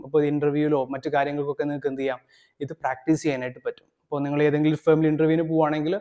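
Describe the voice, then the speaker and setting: A man from Kerala hosting a language tutorial, explaining steps steadily and reading his English prompts out slowly. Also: a little high, darkish tone. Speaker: English teacher, channel host.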